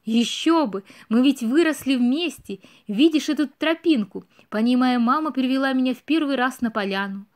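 A woman voicing a brave, passionate young male deer in a storybook reading, with eager, loud exclamations. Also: sits high, moderate pace, few pauses, close to an everyday voice. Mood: fond.

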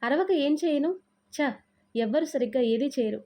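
An impatient young husband snaps and scolds over breakfast, played by a woman narrating the story. The voice stays fairly high and mellow. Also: fairly quick, close to an everyday voice. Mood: irritated. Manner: irritable, scolding. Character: short-tempered young husband.

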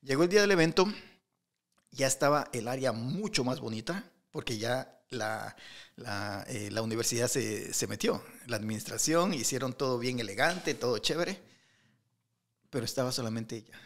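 A man's voice: medium pitch, moderate pace, gravelly, a bit bright. A middle-aged man telling anecdotes in a casual interview, with lots of fillers and restarts. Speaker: interview guest, entrepreneur. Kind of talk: casual storytelling.

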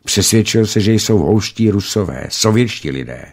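Lively low-voiced male story reader. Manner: expressive, measured storytelling. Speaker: narrator. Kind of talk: radio reading of a novel.

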